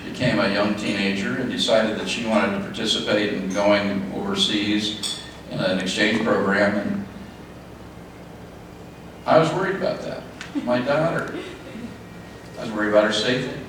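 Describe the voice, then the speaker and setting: A middle-aged man giving a father-of-the-bride wedding speech in a halting way, repeating phrases and speaking in short sentences. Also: lowish voice. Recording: echoey, noisy room, distant mic.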